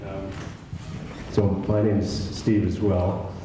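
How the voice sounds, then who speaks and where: A middle-aged Scottish man giving a halting, lightly humorous memorial speech, with many fillers and restarts. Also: low-pitched, level tone, noisy background. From Scotland. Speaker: eulogy speaker. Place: village hall. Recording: echoey hall from far off.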